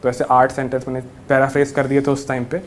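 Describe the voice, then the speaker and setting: A man's voice: medium pitch, monotone, fast, a little hiss or hum. A young man giving friendly, reassuring interview advice and mixing English words into his Hindi. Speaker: interview guest, newly selected civil judge.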